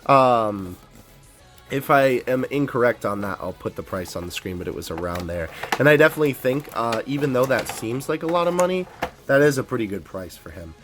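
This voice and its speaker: A man hosting a casual toy unboxing, excitable and laughing often, stumbling over his words. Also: mid-range voice, a little fast, soft background music.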